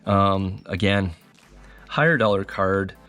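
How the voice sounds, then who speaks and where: A man hosting a casual card-review vlog, chatting with viewers in a relaxed way with a radio-like voice. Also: low-pitched, slow pace. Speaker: sports card collector and channel host.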